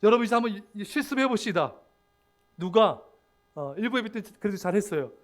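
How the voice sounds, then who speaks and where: A male pastor preaching a sermon, often calling out to the congregation and acting out quoted lines in a lively way. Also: high voice, a little fast. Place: church sanctuary.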